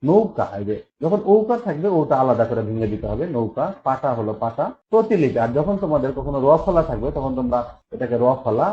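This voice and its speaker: A man teaching a pronunciation lesson to schoolchildren, explaining step by step and repeating words slowly to drill them. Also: mid-range voice, very animated. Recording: slightly dull lo-fi recording with faint noise.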